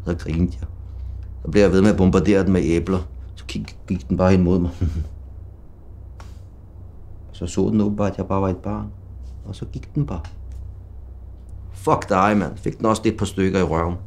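Gravelly deep-voiced man telling his story. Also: steady tone, dark tone. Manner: slow, blunt and confessional, with bursts of swearing. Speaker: storyteller of his own life. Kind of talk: personal testimony narration. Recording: music playing behind.

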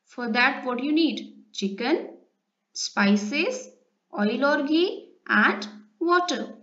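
High-voiced Indian woman teaching, slow and echoey. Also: expressive, fairly bright tone. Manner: didactic, asking questions of children with tag questions. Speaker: school science teacher. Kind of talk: children's textbook lesson, reading aloud and explaining. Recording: roomy echo, dull lo-fi sound.

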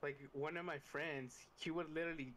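A man's voice: on the high side, fairly even intonation, brisk, a bit bright, slight background noise. A young man co-hosting a podcast in casual chat, blunt and emphatic, swearing casually. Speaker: podcast co-host.

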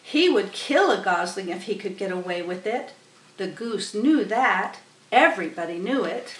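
This storybook reader is a middle-aged woman whose medium-pitched voice has a fairly bright tone. She narrates a children's story in a small room, captured by a webcam set a little way off that sounds roomy and distant.

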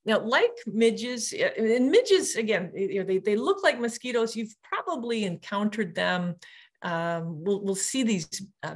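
A woman hosting a nature show, talking casually over her slides with plenty of ums and restarts. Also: on the low side. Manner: relaxed, many ums and restarts.

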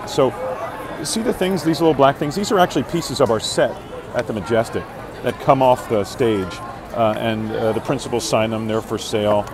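A man in his forties, an actor, chatting casually to viewers on a live phone stream as he walks a street fair, upbeat and full of fillers. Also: mid-range voice. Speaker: Broadway actor vlogging live. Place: crowded city street outdoors. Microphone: earbud headset mic on phone held at arm's length. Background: street crowd.

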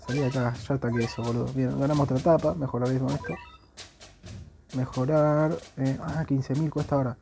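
A man's voice: mid-range voice, fairly even intonation, a little fast, vocal fry, mellow, faint music behind. A young man with an Argentine accent giving joking, slangy commentary while playing a video game. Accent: Argentine Spanish. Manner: joking, crude slang banter. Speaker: gaming YouTuber. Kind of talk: gameplay commentary.

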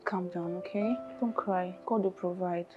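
A woman's voice: medium pitch, normal speed, muffled recording, natural voice. An actress with a Nigerian accent playing a young woman who comforts a crying friend in a film drama. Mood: soothing. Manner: soothing, reassuring. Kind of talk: Nollywood film acting. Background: background music.

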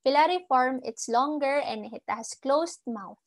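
A woman's voice: high-pitched, a little slow, dry recording. A woman with a Filipino accent lecturing online as a teacher, switching between English and Tagalog midsentence. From Philippines. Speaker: parasitology teacher. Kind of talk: online lecture reviewing slides. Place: indoor room, recorded screen-share lecture.

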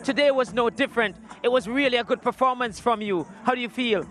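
High-voiced man interviewing a footballer. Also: fairly quick, fairly bright tone. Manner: praising, asks leading questions. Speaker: pitchside interviewer. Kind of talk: post-match interview.

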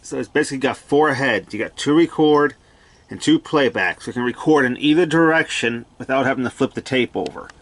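Talking a little fast in a medium-pitched, slightly bright voice, a man gives a casual, hands-on equipment walkthrough in clipped, matter-of-fact phrases. It's shot on a handheld camera indoors in a cluttered home room, and there is no room sound.

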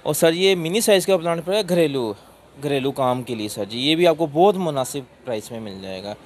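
A man's voice: fairly high pitch, lively intonation, brisk, a little hiss or hum. A man with a Pakistani Urdu accent working as a shopkeeper, politely listing his tools and their prices for a vlogger. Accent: Pakistani Punjabi-inflected Urdu. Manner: polite, calls the vlogger "sir ji", lists prices. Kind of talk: sales pitch to a vlogger. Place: tool shop in a market.

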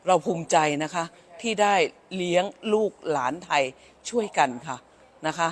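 A woman's voice: fairly low pitch, normal speed. Woman from Thailand, school director, effusive and repetitive in her greetings. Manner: effusive, repeats phrases. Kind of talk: welcoming a grandmother on camera.

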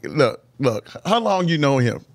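A man's voice: fairly high pitch, big pitch swings, a little slow, no echo. A male sports show host, talking loosely and slightly slurred from retainers in his mouth as he jokes and reads out stats. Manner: laid-back, joking, reads stats aloud. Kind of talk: casual sports interview.

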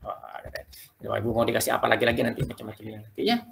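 A man leading a quick, loose tutorial for teachers, talking them through slides step by step. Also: fairly low pitch, level tone, vocal fry, slight background noise. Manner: quick, loose explaining, keeps addressing listeners as "Bapak Ibu". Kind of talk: live screen-share tutorial.

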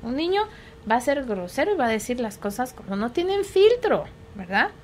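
A woman's voice: fairly high pitch, big pitch swings, normal speed. Patient woman psychologist explaining in a conversation. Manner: explains patiently, often asking for agreement. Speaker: psychologist guest.

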